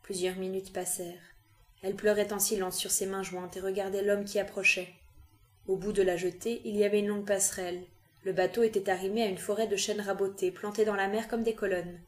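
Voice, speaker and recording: A woman reading a novel aloud with calm, even narration. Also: medium pitch, a little fast. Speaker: reader.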